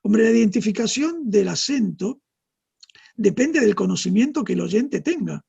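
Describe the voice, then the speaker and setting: A middle-aged man from Argentina with an Argentine accent softened by years in Spain, explaining things in a measured way and often adding tag questions as an interview guest. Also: sits high, lively intonation, gravelly, slightly rough. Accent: Argentine, softened by decades in Spain. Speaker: guest neurologist. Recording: dull, muffled audio.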